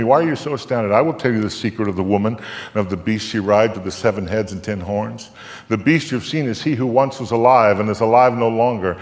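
In an echoing theatre with lengthy reverb, an older man gives a staged, storytelling-style recitation of scripture to a live audience. His voice is grave, deliberate, and emphatic, growing from hushed to thunderous.

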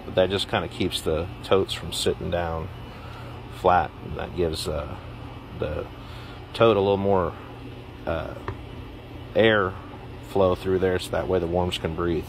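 A man casually explaining a do-it-yourself build outdoors, plain-spoken and relaxed, with some fillers, filmed on a handheld phone. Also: deep voice, unhurried, pauses often, background noise. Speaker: DIY vlogger. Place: outdoors in a yard.

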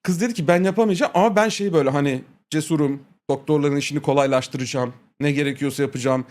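A man's voice: on the high side, fast talker, darkish tone. A man streaming, telling a crude, profane story in casual chat, laughing often and quoting people with repeated "he said".

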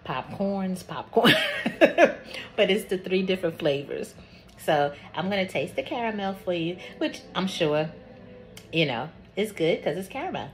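A woman's voice: on the low side, lively intonation, moderate pace. A woman hosting a casual cooking vlog, chatting and tasting food on camera. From Georgia, US. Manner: chatty, tastes on camera with mouth full. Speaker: cooking channel host. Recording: audible background noise.

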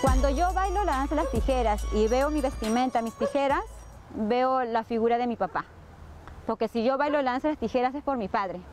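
A woman's voice: sits high, lively intonation, a little fast, a little mellow, soft background music. A woman scissors dancer speaking earnestly and from the heart in an interview, recorded outdoors in a park. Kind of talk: interview testimony.

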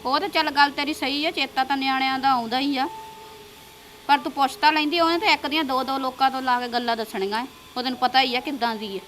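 A woman's voice: high voice, steady tone, fast talker, a bit bright, slight background noise. A woman playing a scheming sister-in-law who coaxes sweetly and mutters snide asides. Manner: coaxing and persuasive, snide asides.

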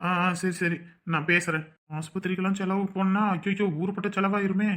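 A woman's voice: mid-range voice, fairly even intonation, a little fast, a bit bright, close to an everyday voice. A woman playing a weary, easygoing middle-aged husband and father in a family drama, with a placating manner and a Tamil Nadu accent. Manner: placating and tired.

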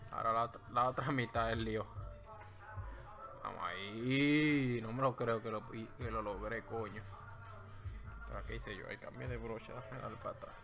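A man's voice: mid-range voice, fairly even intonation, moderate pace, a bit bright, faint music behind. A man with a Dominican Spanish accent, streaming from home as he draws and giving playful, rambling commentary into a desk microphone. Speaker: streamer drawing live. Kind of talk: joking running commentary while drawing.

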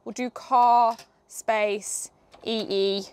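A woman's voice: on the high side, fairly even intonation, drawn-out words, smooth. A young woman hosting a casual hands-on demo, chatting and explaining each step with a few fillers. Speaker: host.

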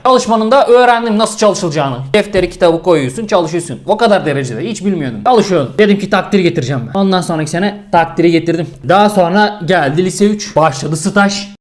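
High-voiced young man, joking and slangy. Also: lively intonation, fast talker, hardly any pauses. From Turkey. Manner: slangy, joking, mimics voices while reading. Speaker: YouTuber reading viewer mail. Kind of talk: casual comedic reading and commentary.

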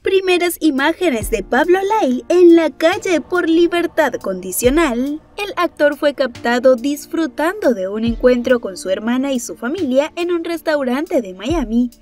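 High-voiced woman reading celebrity news. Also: animated, a little slow, few pauses, a little mellow. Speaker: news narrator. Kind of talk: scripted entertainment news narration.

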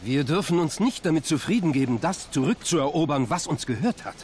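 An actor playing a stern, resolute middle-aged government leader in a video game cutscene. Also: male voice, a little high, animated, brisk, a little mellow, slight background noise, natural voice. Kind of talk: scripted game cutscene acting.

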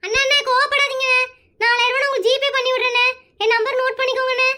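A woman voicing a dramatic young village wife in a cartoon, quick-tongued and argumentative. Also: little pitch movement, sharp tone. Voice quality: very high squeaky cartoon voice. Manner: wailing, fast, argumentative.

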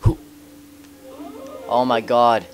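A man's voice: medium pitch, level tone, extremely slow, soft background music. A man giving casual let's play commentary, cracking jokes and talking back at the game characters. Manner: joking, wisecracks at game characters.

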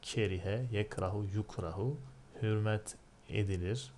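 A man's voice: fairly low pitch, a little slow, darkish tone, a little hiss or hum. A man with a Turkish accent teaching a religious text, reading it word by word and translating and explaining each word. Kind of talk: line-by-line translation lesson.

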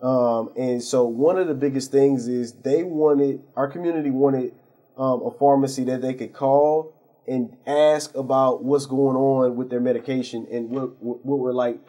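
A man's voice: mid-range voice, fairly even intonation, measured pace, warm tone. A man, a pharmacy owner, explaining his services as a guest on a TV interview show, earnest and full of fillers and restarts. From St. Louis area.

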